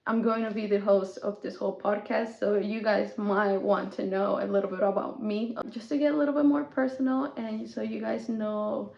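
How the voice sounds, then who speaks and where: A woman's voice: medium pitch, fairly even intonation, moderate pace, vocal fry, few pauses, darkish tone. A woman, hosting a podcast in casual chat that switches between English and Spanish. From Mexico. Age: 20s. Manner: chatty, code-switching, with small laughs. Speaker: podcast host. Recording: echoey room, dull lo-fi sound.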